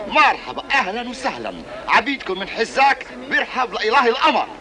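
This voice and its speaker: An actor playing an eager, deferential palace servant of a sultan, effusive and ceremonious, in a comic adventure film. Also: male voice, very high voice, very animated, rapid-fire, a crowd in the background. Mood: ceremonious welcome.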